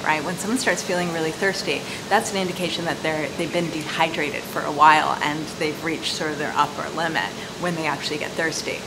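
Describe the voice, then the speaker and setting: A woman's voice: low-pitched, noisy background. A young woman from Canada hosting a casual vlog, chatty and prone to repeating words as she thinks. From Canada (Montreal). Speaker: host. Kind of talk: casual talking-to-camera vlog.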